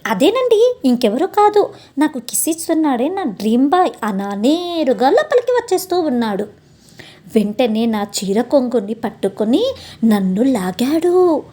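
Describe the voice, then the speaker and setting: A storyteller and channel host with a fairly high voice narrates her own romantic tale at a measured pace. Her delivery is expressive, she addresses listeners directly, and she performs the characters' dialogue.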